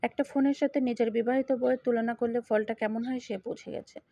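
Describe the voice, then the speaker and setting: A woman narrating a first-person story in an even, matter-of-fact way. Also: fairly high pitch, fairly quick, gravelly, no echo. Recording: dull lo-fi dry recording.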